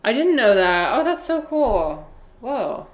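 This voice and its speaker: A woman giving casual, rambling commentary as she plays a video game, with vocal fry in her voice. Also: fairly high pitch, very animated, slow pace, reverberant. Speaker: streamer playing a video game.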